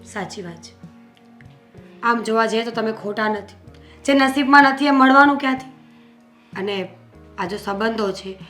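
An actress playing a resigned woman who speaks in a calm, reflective, philosophical way. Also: on the high side, lightly acted.

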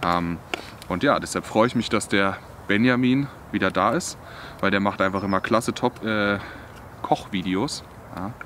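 Out in the woods, a young outdoor vlogger chats to the camera in a relaxed, colloquial way. His voice is on the low side and a bit bright, at a normal pace, with slight background noise.

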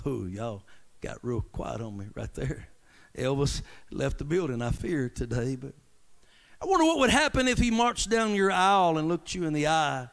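Gravelly high-voiced preacher. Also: male voice. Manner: impassioned preaching that swings from shouts to hushed asides; banters with the congregation. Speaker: pastor. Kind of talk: sermon. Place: church sanctuary.

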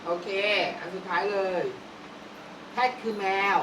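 A woman kindergarten teacher running a classroom vocabulary drill. She repeats each word slowly and coaxes the children while staying firm. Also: mid-range voice, fairly bright tone. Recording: echoey room from far off, clear noise.

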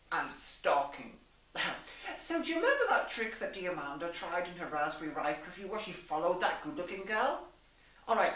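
Her voice sits fairly low and sounds a little mellow as this young woman performs a story reading with theatrical, mock-genteel archness. A distant mic in a small indoor room leaves the sound echoey.

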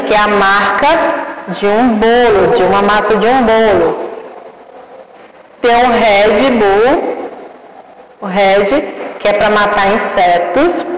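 A woman's voice: mid-range voice, slight background noise. A woman teaching young children to read, sounding out syllables patiently and affectionately. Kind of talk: early literacy lesson for children. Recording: echoey room with long reverb.

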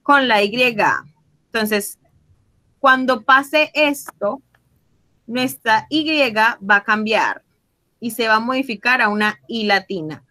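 A bright, forceful, fairly high female voice comes through a low-quality recording. She switches between Spanish and English while patiently walking Spanish speakers through English grammar, saying example words slowly and drawn out and checking understanding with tag questions.

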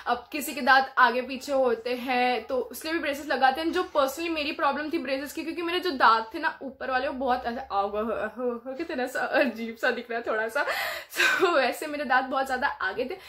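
A woman's voice: high-pitched, fairly quick, bright, forceful tone. A young woman, chatting casually about her dental treatment while talking with braces on, laughing often. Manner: chatty, mixing Hindi and English, laughs often. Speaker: vlogger. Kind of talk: casual chat.

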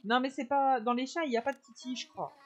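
A woman chatting softly with viewers while she streams a video game on a headset mic. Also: sits high, fast, highs cut off. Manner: soft-spoken, chatty with viewers. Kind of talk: casual live-stream chat while playing. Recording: game music under the voice. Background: game music.

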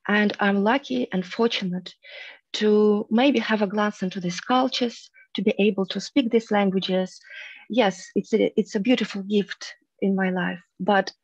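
A woman in her thirties, from Russia, leading a spiritual guided teaching on a video call, speaking softly and earnestly with drawn-out pauses. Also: mid-range voice, no echo. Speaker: meditation group leader. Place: room at home, indoors. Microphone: headset on a video call. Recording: muffled video call audio.

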